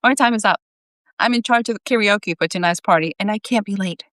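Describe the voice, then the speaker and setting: A woman reading aloud as Saint Peter, a teasing, sharp-tongued male saint who guides a newcomer. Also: medium pitch, a little fast, no echo, pitched above the performer's own voice, natural voice. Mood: wry. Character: wry, blunt male saint guiding a newcomer.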